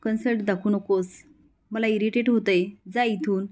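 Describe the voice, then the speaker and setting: A woman's voice: mid-range voice, fairly even intonation, moderate pace, a little mellow, natural voice. A woman voicing a spoiled, snobbish rich teenage girl who talks in an irritated, dismissive way.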